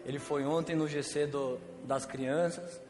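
A man's voice: fairly high pitch, fairly even intonation, measured pace, darkish tone, slight background noise. A man with a Brazilian Portuguese accent preaching a sermon as a pastor, in a casual, slangy storytelling way with humor. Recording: echoey church hall with faint music.

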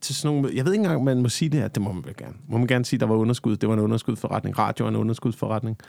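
A man's voice: lowish voice, vocal fry, a little mellow, dry recording. A man co-hosting a podcast in casual chat, wry and sarcastic. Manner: wry, sarcastic, laughing asides. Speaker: podcast co-host.

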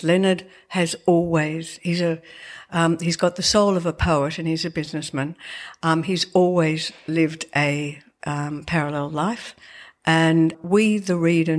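A woman with slushy, sh-like s sounds, speaking as a novelist in a conversational, reflective and digressive talk to an audience about her book. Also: low voice.

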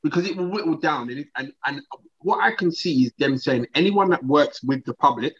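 A man's voice: a little high, lively intonation, a little fast, a bit bright, husky, highs cut off. A man in a casual discussion, reasoning aloud somewhat hesitantly.

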